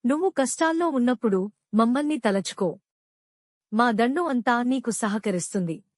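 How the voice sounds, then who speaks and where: A woman's voice: a little high, expressive, normal speed, no echo, clean studio sound. A woman voicing a small, grateful ant king in a storybook, speaking solemnly.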